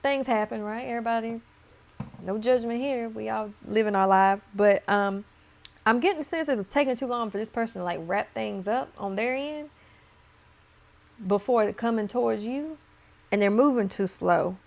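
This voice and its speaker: A woman reads tarot cards for her viewers in a loose, chatty way, playful and quick to laugh. Her voice sits a little high with a gravelly fry running through it. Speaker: tarot reader. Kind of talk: casual tarot card reading to viewers.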